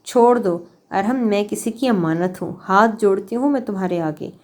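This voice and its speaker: A woman's voice: medium pitch, lightly acted. A woman voicing a terrified young wife who pleads through tears. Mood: crying, pleading. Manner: pleading, desperate. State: crying.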